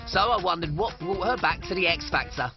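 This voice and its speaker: A man delivers scripted voice-over for a television entertainment report. The sound is slightly muffled, with music clearly running behind. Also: on the high side, animated, a little fast. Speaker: reporter narrating a television segment.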